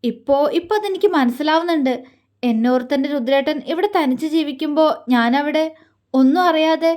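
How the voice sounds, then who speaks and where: A woman voicing a tearful young wife in an audio love story, speaking in a halting, trembling way. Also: high-pitched, darkish tone, lightly acted. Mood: emotional. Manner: tremulous, halting, emotional.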